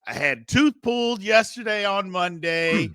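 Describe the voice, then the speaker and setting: Middle aged guy doing sports talk, blunt n opinionated, punchy bright voice, dry close sound, repeats himself. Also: high-pitched, animated, a little slow, smooth, dry recording. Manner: blunt, emphatic, repeats phrases. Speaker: sports show host. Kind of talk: casual, opinionated sports commentary.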